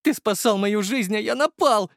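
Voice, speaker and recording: A man's voice: sits high, normal speed, vocal fry, dry recording, clean studio sound, voice pushed up. A man voicing a desperate young man who pleads in tears. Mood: pleading. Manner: pleading, sobbing.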